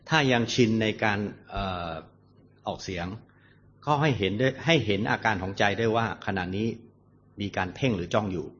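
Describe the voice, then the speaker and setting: A man teaching meditation, answering questions in a slow, measured dharma talk with pauses between phrases. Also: fairly low pitch, lively intonation, fairly bright tone, a little hiss or hum. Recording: dull lo-fi recording.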